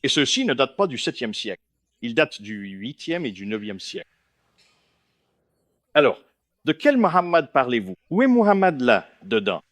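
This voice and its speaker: Male lecturer, animated pitch, keeps asking the room if they follow. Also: normal speed, long pauses, no room sound. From India. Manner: keeps checking in with listeners, questioning and emphatic. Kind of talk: lecture to a live audience.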